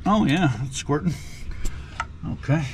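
A man's voice: a little high, a little slow. A man working on an old car outdoors, talking to himself with dry jokes as he works. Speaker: garage vlogger. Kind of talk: casual working commentary. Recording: noisy outdoor recording with engine and ambient noise. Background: outdoor ambience and car engine noise.

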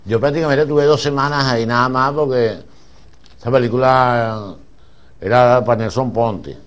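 A man's voice: mid-range voice, normal speed. Older Venezuelan man telling film anecdotes. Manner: rambling, animated retelling with frequent restarts. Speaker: film prop master giving a master class. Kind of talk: anecdotal storytelling to an audience.

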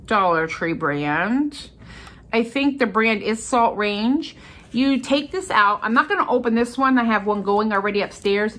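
With a fairly high, fairly bright voice that's stuffy and congested, a middle-aged American woman presents her shopping finds as a haul video host. She chats casually and enthusiastically from a furnished room at home.

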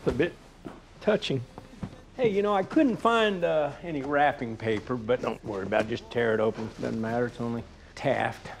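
An actor playing a brash, sentimental, fatherly American zombie survivor in a film comedy, middle-aged, loud and folksy. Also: mid-range voice, normal speed, creaky, natural voice. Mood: offhand.

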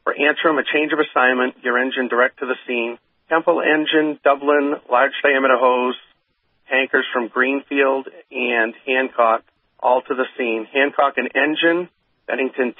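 A man's voice: mid-range voice, fairly even intonation, breathy edge, dry recording. Male fire dispatcher over a tinny radio channel. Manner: rapid, clipped, repeating addresses and unit numbers. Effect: heard over a fire radio channel. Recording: tinny, narrow radio transmission.

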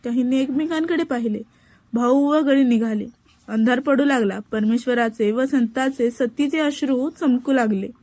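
A woman reading a classic novel aloud as a storyteller, in a steady, measured way, voicing quoted lines plainly. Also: sits high.

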